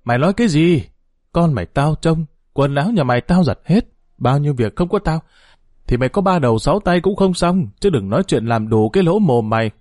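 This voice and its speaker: A man's voice: fairly high pitch, animated, fairly quick, a little mellow, dry recording, studio quality, lightly acted. A man voicing an aggrieved old mother who rants bitterly at her family in a dramatized story reading. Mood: wrathful. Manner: ranting, bitter.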